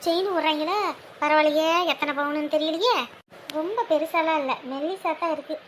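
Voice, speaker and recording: An actress playing a sharp-tongued, gossiping older woman, taunting and sarcastic. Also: sits high, a little fast, slight background noise, natural voice. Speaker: mocking older relative. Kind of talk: village family drama acting.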